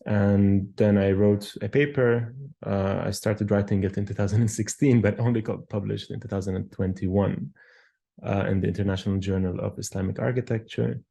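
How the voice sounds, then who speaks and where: A man in his thirties from Palestine, an architectural historian, answering interview questions in a thoughtful, measured way with frequent pauses and fillers. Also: lowish voice, steady tone, creaky, warm tone, breathy edge. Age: 30s.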